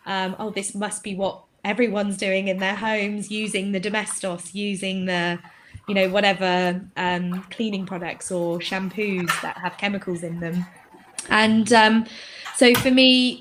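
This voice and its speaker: A woman raised abroad, now a shop owner, talking casually in a webinar interview with many pauses and fillers. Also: medium pitch, a bit bright, a little hiss or hum. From England, raised in Greece. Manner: hesitant, many fillers, laughs easily.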